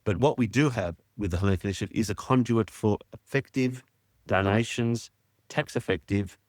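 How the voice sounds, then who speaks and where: A man, a charity president answering interview questions in a measured, earnest way. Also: low-pitched, dry recording.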